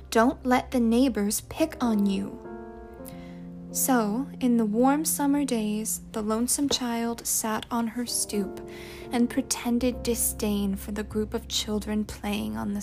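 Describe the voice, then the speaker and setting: Audiobook narrator: woman, high voice, very unhurried, faint music underneath. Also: fairly even intonation. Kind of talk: scripted narration.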